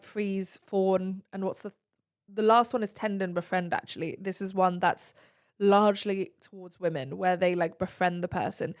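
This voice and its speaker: A woman hosting an advice podcast, answering listener questions in an earnest, direct and reassuring way. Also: medium pitch.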